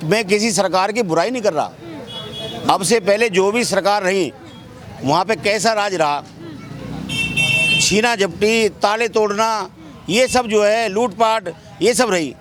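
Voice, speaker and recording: High-pitched guy in a street interview, pushy, keeps firing questions back, traffic around. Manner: insistent, rhetorical questions. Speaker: shopkeeper interviewed in a street poll. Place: outdoors on a city street.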